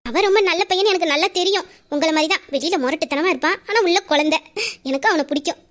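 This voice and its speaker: Woman doing a shrill, scolding young wife. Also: fast. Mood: fond. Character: young wife, sharp-tongued but caring. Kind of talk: Tamil audio drama dialogue.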